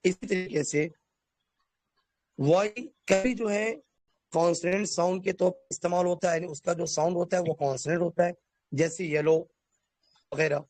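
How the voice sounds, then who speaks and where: A man teaching a basic English lesson, explaining letter sounds and spelling words out slowly letter by letter. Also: sits high, steady tone, darkish tone, dry recording. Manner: addresses listeners formally.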